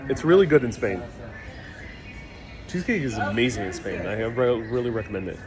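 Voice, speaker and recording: A lowish, expressive man's voice moves a little fast, with music in the background. He hosts a laid-back live travel Q&A from New York City, reading viewers' comments aloud and answering with humor, as a chattering crowd is picked up by his phone mic.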